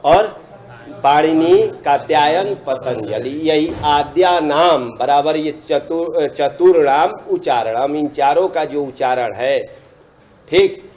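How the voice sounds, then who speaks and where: A man teaches a grammar lesson in a fairly high voice. He repeats key terms and keeps reminding the listener to pay attention. The recording is dull and lo-fi. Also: slow pace, darkish tone. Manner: repetitive, checks understanding with asides.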